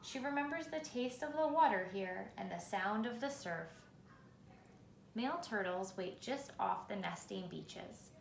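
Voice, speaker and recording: In a room with clear echo and faint background noise, a woman reads a children's picture book aloud. Her delivery is expressive and measured, with dramatic pauses, and her medium-pitched voice is noticeably creaky.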